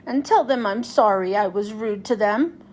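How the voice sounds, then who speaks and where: A woman's voice: mid-range voice, normal speed, a little mellow, slight background noise, close to an everyday voice. A woman voicing a cranky, bossy male dockside crane in a children's storybook, with a complaining manner. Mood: pleading.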